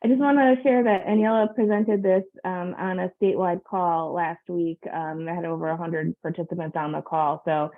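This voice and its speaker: A woman's voice: lowish voice, steady tone, moderate pace, few pauses. Woman chairing a meeting over a tinny line. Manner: procedural, many fillers. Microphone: video call.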